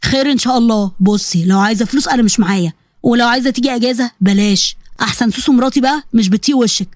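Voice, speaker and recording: Woman putting on a dismissive middle-aged dad, Egyptian accent, grumbling, fast, dry close sound. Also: fairly high pitch, dry recording, pitched below the performer's own voice, natural voice. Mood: irritated. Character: irritated, selfish middle-aged father.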